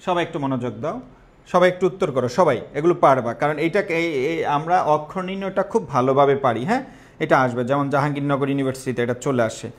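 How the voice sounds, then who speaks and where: Running a live online exam-prep session, a young man with a Bangladeshi Bengali accent repeats questions and tests his students. His voice sits a little high.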